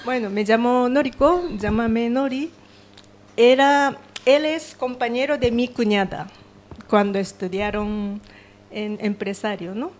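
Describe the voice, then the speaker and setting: A woman from Japan with a Japanese accent speaks halting, non-fluent, informal Spanish as a native Japanese speaker. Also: fairly high pitch, fairly even intonation, a little mellow. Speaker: audience member at a book presentation. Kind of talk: unscripted, informal remarks. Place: live event, passed handheld microphone. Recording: clear room noise and ambience.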